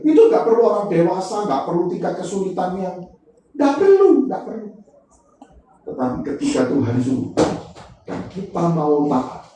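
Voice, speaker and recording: A man preaches, his higher voice swinging widely as he acts out little scenes and laughs along. His tone is mellow. He sounds far from the mic in a very echoey church hall with faint noise. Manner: lively, conversational, acts out dialogue, laughs often. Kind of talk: sermon.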